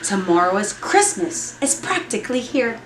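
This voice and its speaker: A woman's voice: on the high side, big pitch swings, normal speed, slight background noise. A woman voicing a sour, scheming old male Grinch with a snarling, sly, theatrical delivery in a children's storybook. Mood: sneering. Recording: roomy echo, music behind.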